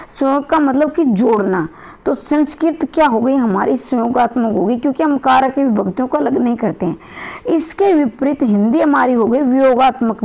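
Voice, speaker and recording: A woman with a high voice teaches a lesson to exam candidates. Her throat sounds strained, and she repeats and rephrases each point, stopping to quiz her students. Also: gravelly, a little mellow. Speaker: Hindi teacher for exam preparation.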